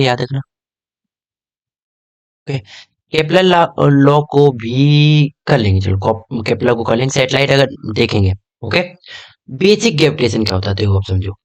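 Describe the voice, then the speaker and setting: A young man teaching an exam-prep lesson in a casual, chatty way, often checking in with "okay?". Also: medium pitch. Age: young adult.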